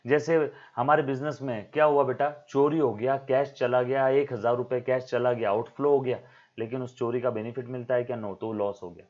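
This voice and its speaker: A man's voice: mid-range voice, steady tone, moderate pace, darkish tone. Man teaching accounting. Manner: explains by repeating key terms, asks rhetorical questions; talks to students as to his own children. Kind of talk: recorded classroom lecture. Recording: dull lo-fi lecture recording.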